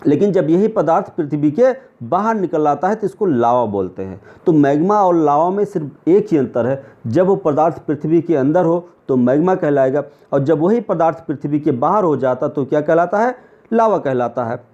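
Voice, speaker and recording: A man's voice: a little high, expressive, moderate pace, mellow. A male teacher with a Hindi accent explaining a lesson over diagrams, often asking a question and then answering it himself. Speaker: exam coaching teacher. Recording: muffled lo-fi recording.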